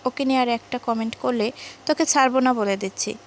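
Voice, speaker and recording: A woman's voice: on the high side, brisk, a little hiss or hum, natural voice. A woman doing a stern threatening young man. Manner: clipped, threatening through clenched teeth. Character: stern protective young man, quick to anger.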